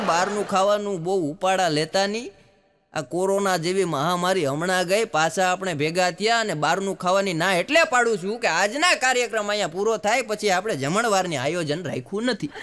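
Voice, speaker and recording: A man's voice: high voice, a bit bright, in a large hall, a little hiss or hum. A man doing stand-up, telling folksy stories and acting out the dialogue. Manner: folksy storytelling, acts out dialogue. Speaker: stand-up comedian. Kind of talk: live stand-up storytelling.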